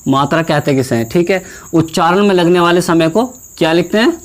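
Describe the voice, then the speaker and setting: A young male teacher giving a Hindi grammar lesson. He asks the class questions, answers them himself, repeats key terms and draws vowel sounds out slowly to demonstrate them. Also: fairly high pitch.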